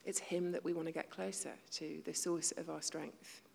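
A woman preaches a sermon to her congregation in a fairly low, gravelly voice, flat in delivery and at normal speed, conversational and self-deprecating, occasionally dropping to a near-whisper. The sound carries a long reverb like a big church hall, with slight background noise.

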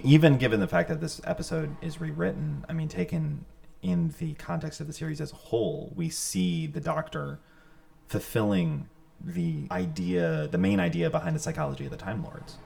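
A man's voice: a little high, sing-song, normal speed, vocal fry, darkish tone. A young man co-hosting a podcast in casual chat, rambling and hesitant with many fillers. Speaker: podcast co-host.

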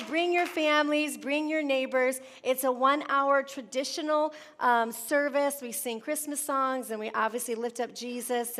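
A woman's voice: high-pitched, fairly bright tone. A woman pastor speaking to her congregation in a chatty, exclamatory way, informal and full of questions, with an echoey big-hall sound. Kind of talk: informal church sermon and announcements. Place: church sanctuary, speaking to congregation. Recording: echoey church sanctuary sound system.

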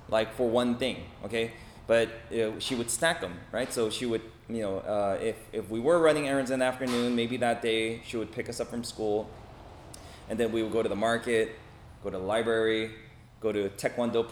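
An American man in his forties from Los Angeles gives an informal, conversational talk to a group in a mid-range voice, sharing personal anecdotes. He often checks in with short tags like "okay?" and "right?", and the recording has a roomy echo with faint background noise.

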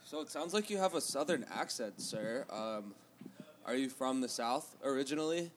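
A man making a prank phone call, talking haltingly with lots of ums. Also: mid-range voice, expressive, slight background noise. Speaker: prank caller.

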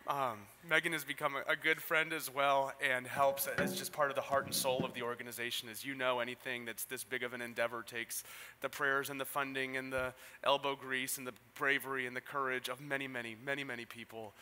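A man, a pastor, speaking conversationally to his congregation with gentle humor. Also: medium pitch, flat delivery, brisk, slight background noise. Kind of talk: sermon and church announcements. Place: church hall. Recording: reverberant hall, faint ambience.

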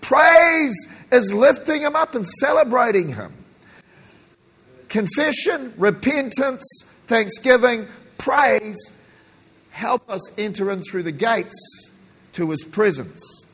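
A man from New Zealand with a New Zealand accent softened by Australian, preaching a sermon in an emphatic, folksy way with joking asides and a husky voice. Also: very high-pitched, lively intonation, slow, long pauses. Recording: echoey hall with long reverb.

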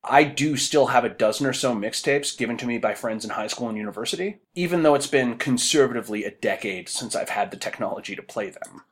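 A man in his thirties hosting a podcast, reading a wry, essay-like monologue in a measured way. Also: medium pitch. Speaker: podcast host. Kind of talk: podcast talk with a written monologue.

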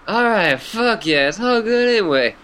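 A man's voice: sits high, lively intonation, normal speed, a bit bright, a little hiss or hum, voice pushed up. A man voicing a laid-back, stoned male clown troll who drawls, swears and honks. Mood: mellow.

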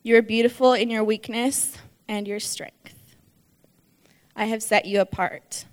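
A woman reciting a devotional spoken-word piece in a soft, measured voice that sinks to near whispers. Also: a little high, fairly even intonation.

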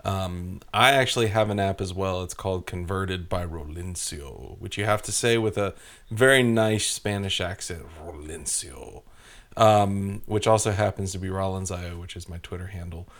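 Man, podcast host, low voice, gravelly, easygoing, asks questions. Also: fairly even intonation, moderate pace, fairly bright tone. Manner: easygoing, leads the talk with questions. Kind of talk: casual podcast chat. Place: cabin.

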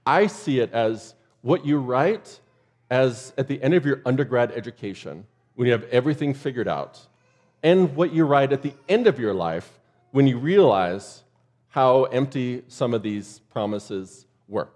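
A man's voice: medium pitch, lively intonation, unhurried, darkish tone. A man preaching a sermon in a church, conversational and loose, with joking asides to the congregation. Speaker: pastor.

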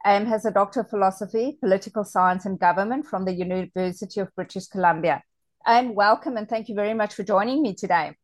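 A woman hosting an interview, reading a scripted introduction and asking questions in a clear, measured way. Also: mid-range voice, no room sound. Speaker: podcast host.

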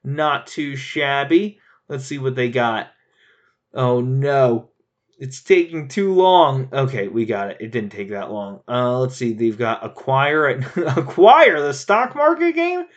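A man chatting casually as a board game reviewer, animated and laughing, rambling with frequent restarts. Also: medium pitch, unhurried, muffled recording. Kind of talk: casual chat.

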